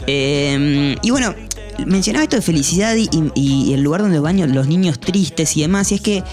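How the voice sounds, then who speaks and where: A man co-hosting a casual music review chat, talking in a relaxed, chatty way with frequent fillers. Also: a little high, moderate pace. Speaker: podcast co-host.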